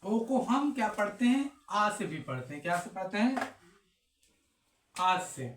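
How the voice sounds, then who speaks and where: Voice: medium pitch, very animated, measured pace, reverberant, a little hiss or hum. A teacher giving a step-by-step phonics lesson, repeating each sound and answering their own questions.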